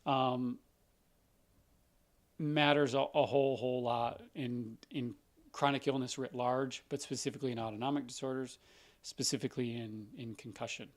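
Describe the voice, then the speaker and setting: Steady in tone and medium in pitch, a male doctor with a scratchy voice talks at normal speed while hosting a live question-and-answer stream. His explanations are relaxed and conversational, packed with everyday examples.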